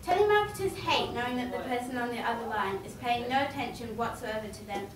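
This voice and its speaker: A woman's voice: on the high side, fast talker, slight background noise. A woman giving a humorous prepared speech to an audience, playfully acting out little scenes. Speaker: student speaker. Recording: echoey hall, mic far off, audience.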